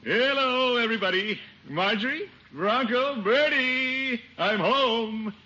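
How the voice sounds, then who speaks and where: A man's voice: mid-range voice, lively intonation, a little fast, music in the background, natural voice. An American man playing a pompous, fussy, genial middle-aged uncle in an old radio comedy. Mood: hearty. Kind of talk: 1940s-50s radio comedy acting. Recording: dull noisy vintage radio recording.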